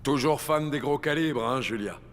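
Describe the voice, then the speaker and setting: A man's voice: mid-range voice, moderate pace, lightly acted. Man acting wisecracking comrade, heavy echo. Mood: teasing. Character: teasing, wisecracking male comrade. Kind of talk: dubbed film dialogue. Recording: echoing space with clear noise.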